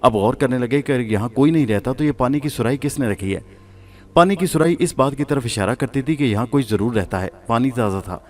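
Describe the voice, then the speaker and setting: A man reading a suspense horror serial aloud as a storyteller, in a steady, measured way. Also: medium pitch.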